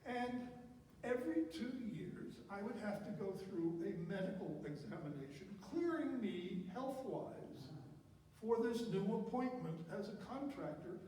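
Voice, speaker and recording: With a high-pitched, warm voice, an older man recounts his career to an audience, emphatic and fond of repeating words for effect. It's recorded on a distant mic in a very echoey hall, with faint noise.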